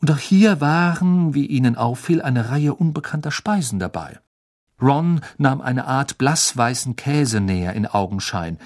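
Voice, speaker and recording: Husky, expressive male audiobook narrator. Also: medium pitch. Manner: expressive storytelling. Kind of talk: scripted narration.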